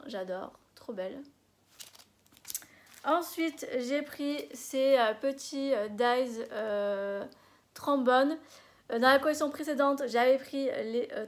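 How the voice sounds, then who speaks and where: Gushing high-voiced woman vlogger. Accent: French. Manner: gushing, many filler "euh"s, repeats "j'adore". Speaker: scrapbooking vlogger. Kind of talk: casual product haul.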